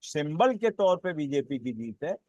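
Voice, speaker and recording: A man speaking as a political analyst on a panel, building his points in a measured way with repeated phrases. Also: fairly high pitch, big pitch swings, darkish tone, no echo. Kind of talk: panel discussion commentary.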